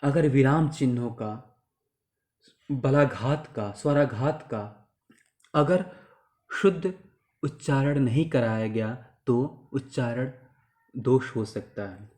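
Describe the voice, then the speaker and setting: A man giving an explanatory lecture as a teacher educator, measured and stressing key terms. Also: mid-range voice, a little mellow.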